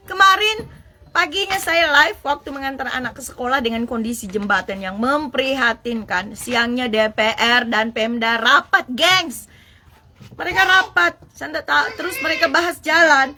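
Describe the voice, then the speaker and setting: High, bright-voiced woman live-streaming. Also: normal speed. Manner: impassioned, rallying viewers directly. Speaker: live-stream host, citizen reporter. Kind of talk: live-streamed on-location talk. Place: outdoors in a village with residents. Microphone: phone live stream.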